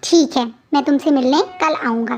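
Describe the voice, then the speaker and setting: A woman voicing a calm, caring older boy. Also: sits high, moderate pace, a little hiss or hum. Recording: dull lo-fi recording.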